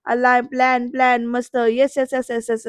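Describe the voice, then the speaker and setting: A man's voice: extremely high pitch, completely flat delivery, moderate pace, a bit bright, clean tone, dry recording, clean studio sound. A woman voicing a hot-headed young man who bursts out angrily and repeats himself. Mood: furious. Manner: angry outbursts, repeating himself.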